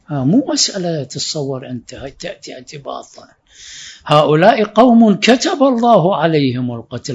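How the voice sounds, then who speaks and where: A man's voice: a little high, husky. A man giving a religious lecture, explaining verses point by point and rising for emphasis. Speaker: preacher. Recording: dull lo-fi recording.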